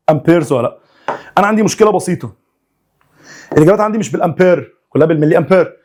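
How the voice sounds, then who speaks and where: A man's voice: a little high, darkish tone. A young man with an Egyptian Arabic accent, a physics teacher working through homework in a recorded lecture, coaxing and joking with students to work along. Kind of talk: recorded online lecture, solving homework problems.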